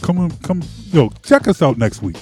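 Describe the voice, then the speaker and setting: A man's voice: fairly high pitch, big pitch swings, normal speed, darkish tone, soft background music. A man hosting a casual sports podcast from his home man cave, playful and rambling, repeating words, a little tipsy. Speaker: podcast host.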